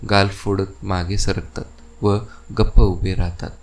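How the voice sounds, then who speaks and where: A man's voice: sits low, flat delivery, slow. A man narrating a school textbook play, reading the stage directions.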